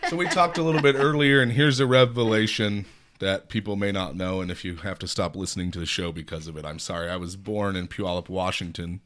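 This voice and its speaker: A man's voice: deep voice, fairly even intonation, brisk, a bit bright. A man in his thirties hosting a podcast interview, talking in a loose, rambling way and swearing freely. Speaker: podcast host. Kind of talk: casual interview chat.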